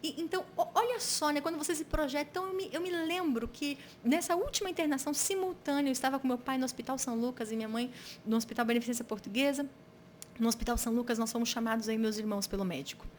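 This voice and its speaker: A woman's voice: sits high, fast talker, slight background noise. A Brazilian woman pastor, an interview guest, telling a personal story in an earnest, reflective way with frequent restarts.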